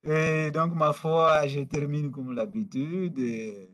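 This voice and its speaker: A man's voice: on the high side, a bit bright. A man whose first language is Portuguese, speaking with a Portuguese-speaking accent and wrapping up an online course as instructor, often restarting his words. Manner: halting, many restarts and fillers.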